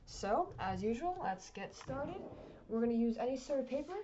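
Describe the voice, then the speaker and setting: A woman with a fairly high voice teaches a craft step by step in a casual way. She is chatty and rambling, apologetic and quick to correct herself. The recording is a bit dull and lo-fi, with noise behind her. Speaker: origami course instructor. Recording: dull lo-fi sound, steady noise.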